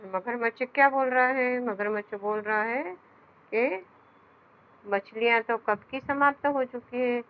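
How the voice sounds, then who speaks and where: A woman's voice: fairly high pitch, unhurried. A woman teacher explaining a children's story, retelling each line again in simpler words. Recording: dull lo-fi sound.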